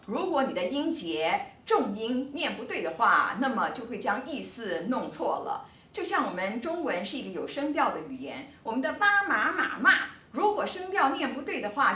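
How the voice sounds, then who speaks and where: Lively, bright-voiced woman lecturing. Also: mid-range voice, roomy sound, far from the mic. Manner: animated, emphatic explaining with drawn-out words. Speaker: linguistics professor. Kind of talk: recorded online lecture.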